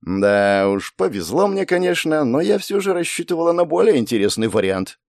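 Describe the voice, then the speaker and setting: Male reader voicing a young blonde game player, mocking and quick, pitched up, dry read. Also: sing-song, a little mellow, no echo. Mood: teasing, brisk. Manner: snappy, teasing, exclamatory.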